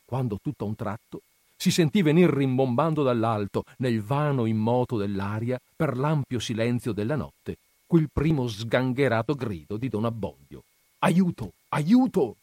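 Animated man reading a classic novel. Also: medium pitch, normal speed, no echo. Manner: dramatic, animated storytelling. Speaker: reader.

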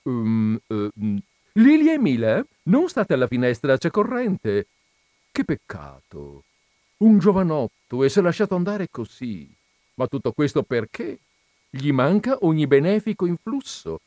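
A man's voice: on the high side, huge pitch swings, a little slow, warm tone, no room sound. A man voicing a fussy, indignant older widow of a colonel, in a raised, sighing voice. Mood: musing.

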